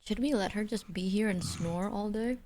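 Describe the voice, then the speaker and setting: A woman's voice: mid-range voice, normal speed, darkish tone. A woman streamer whispering in chatty, casual conversation.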